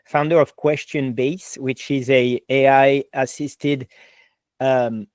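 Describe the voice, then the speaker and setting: A podcast host with a French accent talks in an easy, chatty way. He is enthusiastic and fills his sentences with "like" and "you know". His medium-pitched voice is recorded close and dry. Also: steady tone, slow pace, darkish tone, no echo. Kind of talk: casual interview chat.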